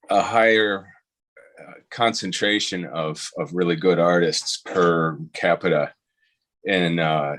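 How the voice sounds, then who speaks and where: A man hosting a casual video-call interview, talking haltingly with lots of fillers and restarts. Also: sits low, fairly bright tone. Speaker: host.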